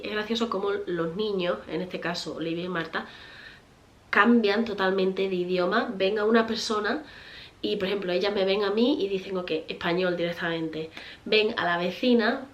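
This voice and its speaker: Her voice is medium-pitched and steady, a little fast, and the highs are cut off. She's a Spanish-accented woman from Spain in her thirties, a vlogger and mother casually answering viewer questions, rambling with frequent fillers, restarts and laughs.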